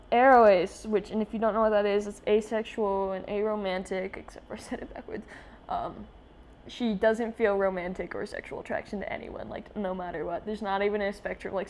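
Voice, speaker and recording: A woman's voice: mid-range voice, darkish tone, slight background noise. A woman vlogger rambling casually while reading her old comic, full of fillers and frequent laughs. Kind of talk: casual commentary.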